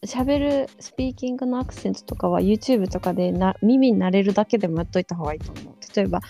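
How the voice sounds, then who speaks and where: Young woman, Kansai accent, podcast co-host, quick and creaky, casual. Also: medium pitch, soft background music. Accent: Kansai Japanese. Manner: relaxed, chatty, gives advice. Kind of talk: casual chat.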